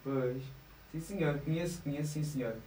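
A man's voice: a little high, moderate pace, dark tone, roomy sound, far from the mic, a little hiss or hum, low-quality recording. A man in his thirties with a European Portuguese accent, a singer chatting as a guest in a small radio studio, laughing often and hesitating. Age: 30s. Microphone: studio mic, headphones on.

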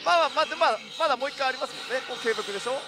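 A man giving excitable live play-by-play commentary on a pachinko game, speaking into a headset mic. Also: very high voice, very fast. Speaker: pachinko show host. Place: busy pachinko hall, indoors. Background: loud game-machine music.

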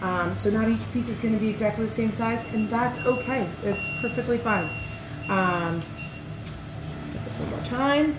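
A woman in her thirties, a chef, gives an upbeat, chatty cooking demo in her home kitchen, full of fillers, in a fairly high voice at normal speed. A camera in front of her picks her up from mid-distance, with roomy kitchen echo, music and a noisy background.

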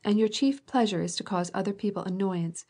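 A woman's voice: medium pitch, a little fast, mellow, slightly rough. A woman reading aloud and voicing an earnest, lovestruck girl who takes offense easily. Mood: offended.

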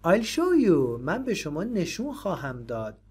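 A woman with Persian as her first language, teaching English and patiently explaining phrases, repeating them slowly. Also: fairly low pitch, very animated, a little mellow, breathy edge.

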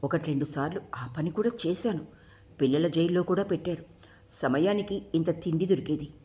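A woman storyteller reading a short story aloud in an expressive way. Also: sits low, fairly quick.

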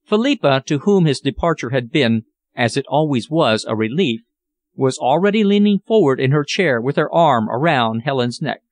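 A man narrating an audiobook in a measured, expressive way. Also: mid-range voice, dry recording.

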